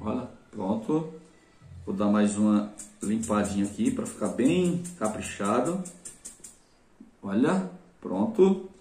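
Chatty craft teacher in a roomy space. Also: male voice, on the low side, takes it slowly, long pauses, dark tone, soft background music. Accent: Brazilian Portuguese. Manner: chatty, addresses viewers as "gente" and praises his work. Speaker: craft instructor. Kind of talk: casual step-by-step craft tutorial. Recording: roomy sound from a mic at a distance.

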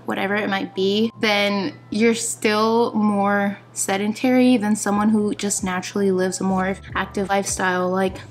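A woman's voice: medium pitch, steady tone, normal speed, few pauses, slight background noise. A young woman vlogger talking casually to camera in a candid, conversational, self-deprecating way, indoors in a home kitchen. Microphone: camera at about arm's length.

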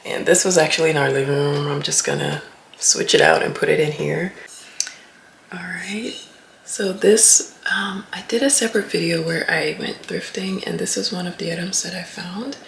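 A young woman talking casually as a home makeover vlogger, chatty and relaxed with soft laughs. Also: lowish voice, normal speed, creaky, a little hiss or hum. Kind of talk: casual vlog voice-over. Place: small home office indoors.

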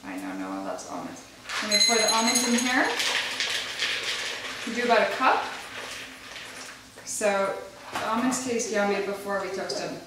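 With a mid-range voice, big pitch swings, a moderate pace, and frequent pauses, a woman in her thirties patiently leads a casual home cooking demonstration while coaxing small children along. She is a mother hosting the video in a large indoor kitchen. The distant camera across the counter records very noisy, echoey audio full of pans, dishes, clicks, and kids.

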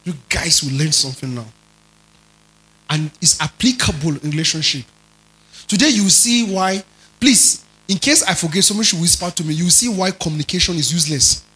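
Guy preaching, high bright voice, goes from quiet to shouting, keeps asking the crowd if they get it. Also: low-quality recording. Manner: dramatic preaching, shifts between soft asides and shouted emphasis; asks the congregation questions. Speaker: pastor. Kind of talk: sermon.

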